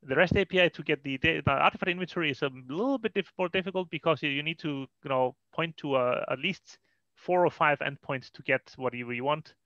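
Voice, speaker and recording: His voice is fairly high, brisk and a bit bright, caught in a dry recording with the dull lo-fi sound of an online call. He's a data consultant with an Icelandic accent giving a casual, explanatory technical presentation at an online meetup from indoors, frequently saying "you know."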